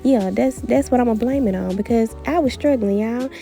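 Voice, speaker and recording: A woman's voice: on the high side, normal speed, gravelly, faint music behind. A woman vlogging a hair tutorial at a family home, chatty and playful, talking straight to her viewers. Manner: animated, playful, talks straight to viewers with "honey" and "baby".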